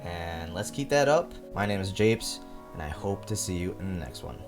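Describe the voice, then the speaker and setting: A man's voice: low voice, lively intonation, normal speed, over loud music. A young man hosting a video essay, reading scripted commentary.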